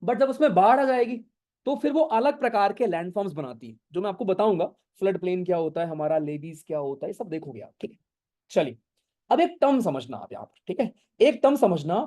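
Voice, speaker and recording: A male geography teacher giving an online exam-prep lecture, explaining slowly with many English terms, often checking whether students follow and scolding them for going off topic. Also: high voice, lively intonation, warm tone. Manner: mixes English terms into speech, keeps asking if it is clear. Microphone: no earphones, talking to an online class.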